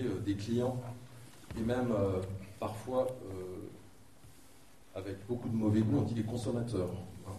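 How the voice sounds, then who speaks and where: A man hoarse with flu moderates a conference round table, speaking in a halting, hesitant way. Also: mid-range voice, dark tone. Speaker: round-table moderator, cultural agency director. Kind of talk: introducing a conference panel. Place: indoor conference room. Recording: roomy echoing hall, distant mic, faint noise.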